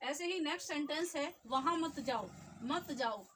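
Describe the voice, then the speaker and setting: A woman teacher, explaining short sentences step by step and repeating each phrase slowly. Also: high voice, lively intonation, fairly bright tone, a little hiss or hum. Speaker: English teacher. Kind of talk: spoken English lesson.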